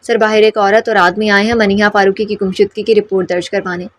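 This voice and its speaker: A woman's voice: medium pitch, little pitch movement, no echo, lightly acted. A woman voicing a respectful male police constable in an audiobook. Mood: dutiful.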